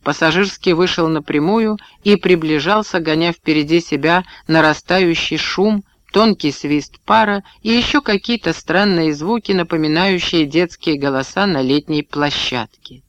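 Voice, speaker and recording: A man reading a novel aloud in steady, measured narration. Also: a little high, no echo, muffled recording. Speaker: audiobook reader. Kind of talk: scripted narration.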